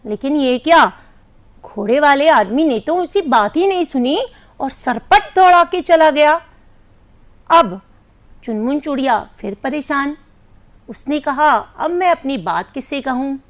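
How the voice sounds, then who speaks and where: High-voiced woman teacher telling a story. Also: lively intonation, measured pace, long pauses. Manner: gentle, coaxing, asks the children questions. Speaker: primary school teacher. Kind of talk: storytelling lesson for young children.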